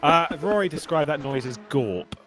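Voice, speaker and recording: A man's voice: fairly high pitch, normal speed. A man commentating an online race broadcast in a casual, chatty way, laughing and restarting his sentences. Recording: steady background noise.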